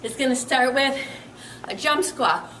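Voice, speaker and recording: A woman's voice: high voice, lively intonation, a little slow, roomy sound, far from the mic, background noise. A young woman leading a workout as fitness instructor, upbeat and encouraging, counting reps and a little out of breath.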